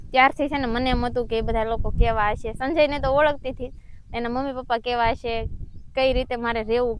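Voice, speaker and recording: A woman's voice: fairly high pitch, smooth. A young woman, earnestly telling her own story in a casual vlog chat. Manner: earnest, personal, heartfelt storytelling. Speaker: vlogger.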